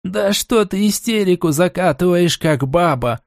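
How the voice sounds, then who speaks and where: A man voicing an impatient, sharp-tongued female herbalist mage who snaps irritably. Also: sits high, measured pace, no echo, clean studio sound, voice pushed up. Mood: irritated. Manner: snapping, irritated.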